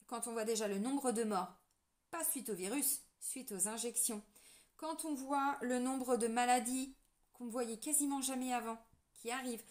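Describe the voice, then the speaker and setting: A woman with a bright, high voice gives a card reading to her online viewers. She talks in a loose, earnest way, full of fillers and tag words, as if chatting with friends. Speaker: tarot card reader and energy healer. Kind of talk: casual monologue to viewers.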